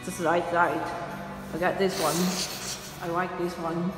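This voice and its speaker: A man's voice: high-pitched, flat delivery, measured pace, over music. A man filming on a phone indoors, giving casual running commentary in short, simple, clipped remarks. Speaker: amateur elevator video maker. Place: small elevators and car park lobbies indoors. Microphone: handheld phone. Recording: echoey lift cabin and lobby.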